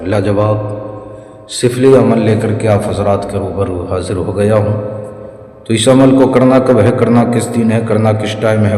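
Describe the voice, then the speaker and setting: A man with a low, dark-toned voice walks listeners through a ritual step by step. He speaks slowly and repeats himself, often calling them "my dear". His voice rings in a room with a long, echoing reverb. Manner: slow, repetitive, addresses listeners as "my dear". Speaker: channel host teaching occult rituals. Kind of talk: instructional monologue.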